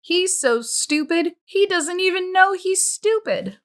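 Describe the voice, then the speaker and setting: Woman as sneering male camp counselor, pitched up. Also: lively intonation, slow pace, full character voice. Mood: mocking. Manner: sneering, mock praise.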